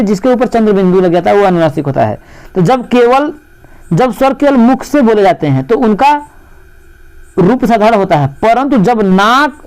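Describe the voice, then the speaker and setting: A man's voice: sits high, a little mellow, clean tone, rough recording. A male teacher going through an exam paper, asking questions and answering them himself, with many "look" and "my friends" asides. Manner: rhetorical questions answered himself, repeats "dekhiye" and "mere doston". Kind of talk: exam paper walkthrough lesson.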